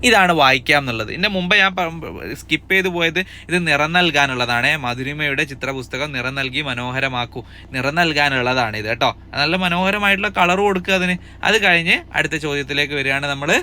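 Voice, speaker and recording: A cheerful male teacher, walking small children through an exam paper. His voice is very bright and crisply clear, a touch high for a man, and he keeps asking the kids questions to coax them along. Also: a little fast. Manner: cheerful, coaxing, asks kids many questions. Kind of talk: upbeat exam-prep lesson for young children.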